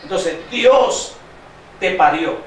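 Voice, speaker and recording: A man preaching a sermon, quizzing his congregation with call-and-response questions and reading scripture slowly with emphasis. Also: sits high, expressive, a little hiss or hum. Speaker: pastor. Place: church sanctuary. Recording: very echoey church hall, distant mic.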